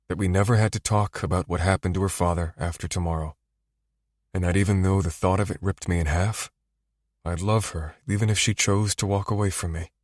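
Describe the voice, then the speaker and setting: A man narrating a romance audiobook in the first person, with low, steady, intimate storytelling. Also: dry recording, clean studio sound.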